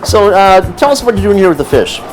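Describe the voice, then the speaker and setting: A man hosting a casual interview in a restaurant kitchen, chatty and full of quick affirmations. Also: high-pitched, very animated, soft background music, low-quality recording. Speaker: show host.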